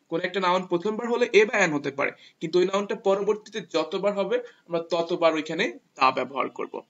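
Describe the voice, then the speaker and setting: A man's voice: high voice, a bit bright. A man teaching English grammar to viewers, patiently repeating each rule step by step. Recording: dull lo-fi sound.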